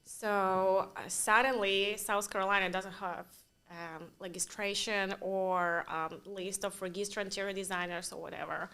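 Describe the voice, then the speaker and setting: In a casual interview, a guest designer whose first language is Russian talks in a smooth, mid-range voice with a fairly bright tone. She uses non-native phrasing and pauses while searching for words.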